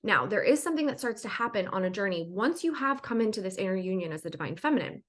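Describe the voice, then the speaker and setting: A woman's voice: medium pitch, lively intonation, fast talker. Chatty woman giving a spiritual talk. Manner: chatty, meandering, lots of "like" and "right?". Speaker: spiritual channel and guide. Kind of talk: casual spiritual teaching monologue.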